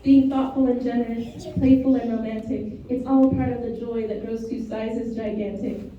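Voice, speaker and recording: A woman officiating a wedding, reading a rhyming homily in a measured, rhythmic way. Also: on the high side, steady tone, slight background noise. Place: wedding venue. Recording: roomy, distant, dull lo-fi sound.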